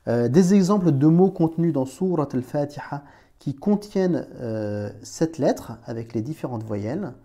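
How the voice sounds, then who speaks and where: A man's voice: on the high side, animated, moderate pace, mellow. A man teaching Arabic letters in a chatty, informal way, talking straight to the learner with many restarts. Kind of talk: informal screen-recorded lesson.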